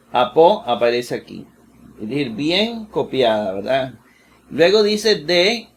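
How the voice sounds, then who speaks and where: A man teaching a Bible lesson, slow and deliberate, repeating each word several times and asking if listeners follow. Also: fairly high pitch. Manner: asks "¿verdad?" to check listeners follow. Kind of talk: slow screen-share lesson.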